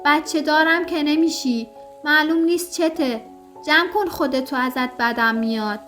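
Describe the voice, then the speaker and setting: A woman reading the part of a harsh, angry young husband in an audio story, contemptuous and shouting. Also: high voice, faint music behind.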